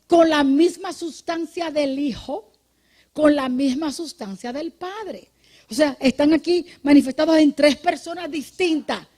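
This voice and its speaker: A woman pastor gives a midday sermon during a church service, explaining doctrine in a chatty, teacherly way. Her voice is a little high but mellow and soft-edged. She keeps checking in with the congregation with "¿ok?" and "amén," and repeats or restarts words while thinking.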